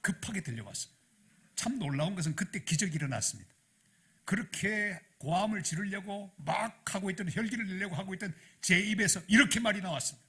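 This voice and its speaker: A middle-aged male pastor, preaching a sermon in an animated storytelling manner that rises to loud emphasis. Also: high voice, quick pace, breathy edge.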